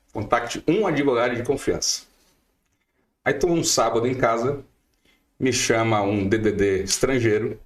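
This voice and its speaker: A middle-aged Brazilian man giving emphatic advice as a guest lawyer on a podcast, firing off rhetorical questions. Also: medium pitch. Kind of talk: podcast interview.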